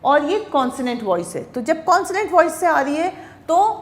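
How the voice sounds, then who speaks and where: Pakistani woman English teacher, fairly high voice, unhurried lecture delivery, roomy echo. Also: expressive. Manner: explains slowly, spells out words letter by letter, often asks "theek hai". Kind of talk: classroom grammar lecture.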